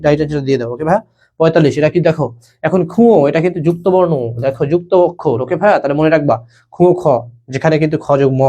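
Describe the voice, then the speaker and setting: Rapid-fire man teaching a live class. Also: fairly high pitch, mellow. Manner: rapid, repetitive, quizzes students, keeps saying "okay bhaiya". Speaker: admission coaching teacher.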